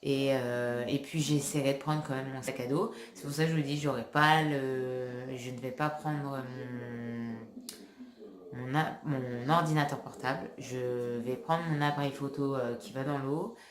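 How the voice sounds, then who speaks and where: With a crowd in the background and an echoey room around her, a young French woman with a cold talks casually to her phone camera. Her rumbling low voice keeps a fairly even intonation at a measured pace, though her vlog talk rambles with many fillers and restarts.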